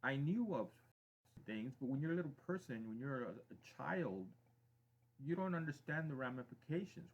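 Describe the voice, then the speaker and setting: Deliberate middle-aged man on a lo-fi stream. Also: medium pitch, slightly rough. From Mexico. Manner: deliberate, emphatic, repeats phrases for weight. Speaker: live stream host. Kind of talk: political opinion monologue. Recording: dull lo-fi stream audio.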